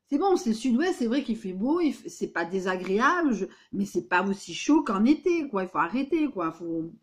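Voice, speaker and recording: A woman with a southwestern French accent, Béarnais-tinged, talking straight to her viewers from home in a rambling, emphatic vlog monologue. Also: a little high. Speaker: vlogger. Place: at home indoors.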